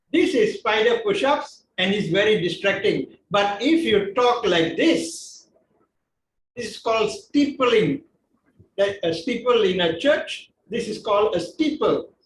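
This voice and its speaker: A man teaching public speaking at a club meeting, joking and often checking in with the room. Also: high voice. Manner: joking, keeps checking in with "okay?". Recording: echoey room, mic far off, faint noise.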